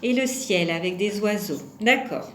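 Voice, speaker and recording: A woman's voice: mid-range voice, a little slow. A woman teaching a home lesson to young children, patient and sounding out each syllable and number aloud. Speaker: kindergarten teacher. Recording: echoey room with faint background noise.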